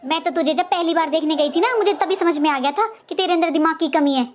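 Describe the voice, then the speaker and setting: A woman voicing a sharp-tongued older mother-in-law in a cartoon, taunting and sarcastic in every line. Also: very high voice, fast, highs cut off. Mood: sarcastic scolding. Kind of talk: cartoon voice acting.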